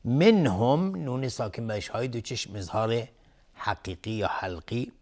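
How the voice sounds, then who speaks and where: Calm man teaching Quran recitation. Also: on the low side. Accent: Persian. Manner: calm explanatory speech, recited verses drawn out slowly and chanted. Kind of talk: tajweed lesson, explaining then reciting.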